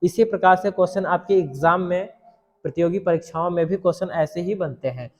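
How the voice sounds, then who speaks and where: A male teacher giving a grammar lesson for exam students, repeating example sentences slowly and asking questions. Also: high-pitched, in a large hall.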